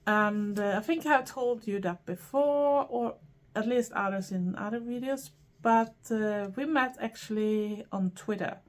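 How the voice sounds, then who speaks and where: A middle-aged Swedish vlogger with a Swedish accent chats casually to camera, answering viewer questions for her own channel. She rambles in a talkative way with frequent pauses, in a mid-range voice.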